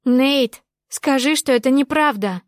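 A woman's voice: medium pitch, fairly even intonation, normal speed, darkish tone, no echo, clean studio sound, natural voice. A woman playing a heartbroken young woman, raw. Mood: screaming, anguished. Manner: emotional outbursts. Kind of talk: audiobook character voice.

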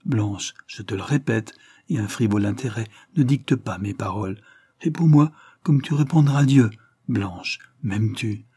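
A man's voice: on the low side, moderate pace, warm tone, husky. A man reading aloud, voicing an ardent young general who speaks with urgent passion. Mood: impassioned. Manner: urgent, impassioned, commanding.

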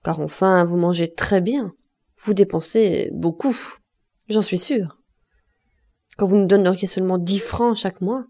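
A stern middle-aged mother who presses and scolds without letting up, voiced by a woman reading an audiobook. The voice is dark and mellow, with a gravelly grain. It is an everyday reading voice rather than a full character voice. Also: mid-range voice, a little slow. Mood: insistent. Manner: insistent, scolding.

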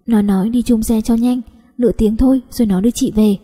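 A woman reader doing a tearful, gentle young woman. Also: on the high side, fairly even intonation, a little fast, breathy edge, big-room sound. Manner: choked, tearful.

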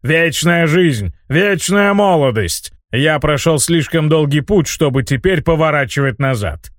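A man's voice: medium pitch, sing-song, normal speed, dry recording, clean studio sound, close to an everyday voice. A man voicing a scheming, boastful old male mage who gloats and cackles, in an audiobook reading. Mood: gloating. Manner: gloating, theatrical, breaks into laughter.

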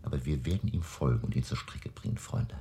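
In a German radio drama, an actor plays an elderly professor who is kind yet grave. His extremely low, mellow male voice is gravelly, deliberate, solemn, and paternal, carrying a grave, determined mood.

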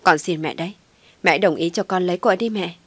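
A woman's voice: on the low side, fast, husky, dry recording. A woman voicing a devoted young man who coaxes and pleads in an audio story. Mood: coaxing pleading. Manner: coaxing, pleading.

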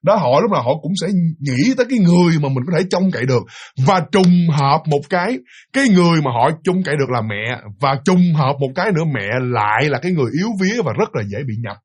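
A man with a Southern Vietnamese accent, hoarse from a cold, telling a story to his listeners in a chatty, casual way. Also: on the high side, sing-song, fast. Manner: chatty, addresses listeners directly, many fillers. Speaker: storyteller and channel host.

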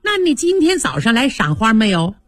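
A woman voicing a clever young lady who talks crisply and quickly. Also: fairly high pitch, wildly swooping pitch, fairly bright tone, no room sound, heavily acted. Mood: probing.

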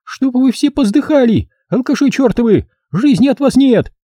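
A man's voice: expressive, moderate pace, warm tone, dry recording, clean studio sound. A man voicing a furious mother who screeches accusations. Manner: shrill, screeching. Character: screaming furious young mother.

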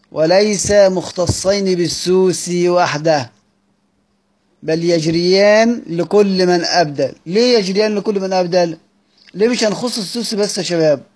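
Egyptian man, fairly high voice, teacher who explains a text line by line and keeps quizzing the class. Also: darkish tone. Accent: Egyptian Arabic. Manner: repeats phrases, quizzes his listeners. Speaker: teacher of Quranic recitation. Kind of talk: recorded lesson reading and explaining a text.

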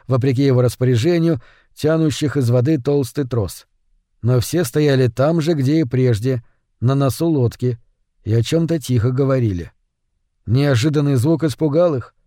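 A male narrator reading a novel aloud in an even, measured way. His voice is warm and mellow, and the recording is close and dry with no room sound. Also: mid-range voice, dry recording. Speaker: audiobook narrator. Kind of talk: scripted narration.

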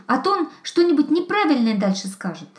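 A woman's voice: sits high, very animated, brisk, pitched above the performer's own voice. A woman voicing an anxious, kind little hedgehog in a storybook, in an echoey room. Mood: worried.

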